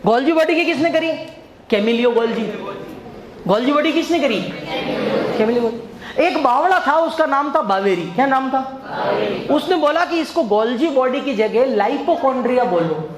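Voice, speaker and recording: A man's voice: very high voice, lively intonation, moderate pace, crowd noise. A male coaching teacher giving an exam-prep biology lecture. He jokes and tells stories, and he keeps quizzing the class with repeated questions. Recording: echoey room, faint background noise.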